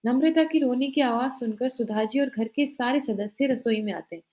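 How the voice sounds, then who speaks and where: A woman telling a family drama story in plain, even scripted narration. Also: on the high side, moderate pace.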